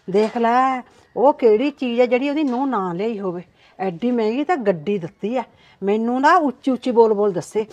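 A woman's voice: on the high side, close to an everyday voice. An actress playing a nagging, gossipy older mother-in-law who keeps complaining. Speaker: actor. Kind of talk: amateur short-film acting.

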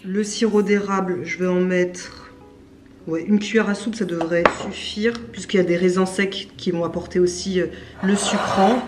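A woman's voice: lowish voice, steady tone, moderate pace, music in the background. A woman in her thirties in her home kitchen, chatting casually as she shows a breakfast recipe step by step, with many fillers. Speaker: cooking vlogger. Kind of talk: casual cooking demonstration. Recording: echoey kitchen with faint noise.

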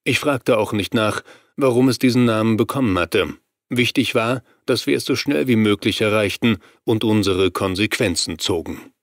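A man narrating a horror audiobook in the first person, in a steady, measured reading voice on a studio microphone. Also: fairly low pitch, no room sound.

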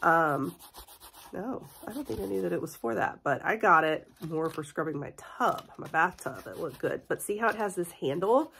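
A woman in her forties chatting excitedly through a haul review vlog, stuffy from a cold, laughing often. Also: on the low side, moderate pace, creaky, a little hiss or hum. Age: 40s. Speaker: beauty and haul vlogger. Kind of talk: casual product review vlog.

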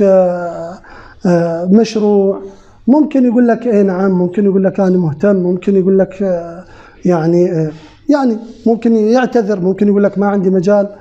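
A man lectures at a quick clip in a high, very dark-toned voice. He quizzes the room and repeats his key phrases. The recording sounds muffled and lo-fi. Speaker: sales trainer. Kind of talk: lecture to a live group. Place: training center lecture room.

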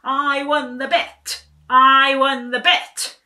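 A woman voicing a huge, cheerful and daring male giant who boasts and shouts loudly in a children's story. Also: very animated, moderate pace, vocal fry, roomy sound, distant mic. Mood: triumphant. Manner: loud booming shouts.

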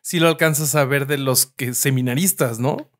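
A podcast host in casual chat, asking questions and reacting with blunt slang exclamations. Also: male voice, mid-range voice, normal speed.

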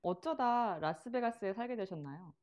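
A woman's voice: medium pitch, animated, normal speed, darkish tone. A woman in her thirties asking questions in a casual, conversational interview. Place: small living room, on a sofa indoors.

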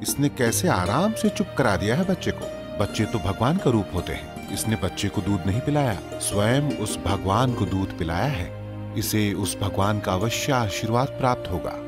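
Calm devout priest, man dubbing, lowish lively voice, music behind. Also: close to an everyday voice. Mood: reverent. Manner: measured, reverent. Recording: film soundtrack with music.

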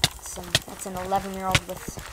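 Rambling gamer woman over loud noise. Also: medium pitch, monotone, brisk. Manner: rambling, self-mocking, chatty. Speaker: gaming YouTuber. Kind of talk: casual gameplay commentary.

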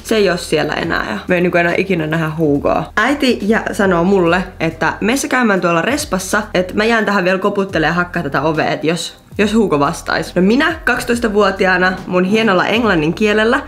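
A woman of about twenty, a vlogger chatting casually and telling animated stories to her viewers. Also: lowish voice, few pauses. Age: around 20. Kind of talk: casual storytelling vlog.

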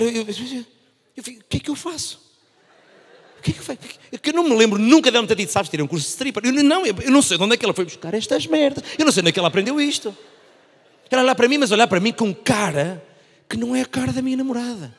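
Animated high-pitched Portuguese stand-up comedian, male. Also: racing, breathy edge. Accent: European Portuguese. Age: 30s. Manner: animated, repeats and restarts phrases for effect. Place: large theatre stage. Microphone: handheld microphone. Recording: reverberant large theatre.

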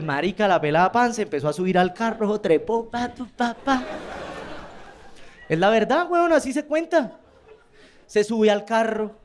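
A man's voice: high voice, slight background noise. A man with a Colombian accent performing a stand-up comedy routine, telling crude stories with quoted voices. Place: comedy club stage.

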